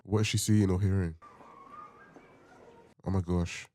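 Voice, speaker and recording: A man's voice: deep voice, little pitch movement, unhurried, mellow. A man giving casual reaction commentary as host, musing aloud in informal language.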